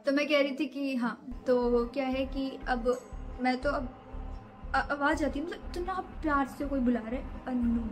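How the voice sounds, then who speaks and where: A woman's voice: sits high, fairly even intonation, measured pace, soft background music. A young woman vlogger chatting casually to camera, rambling through a scary story from her own nights.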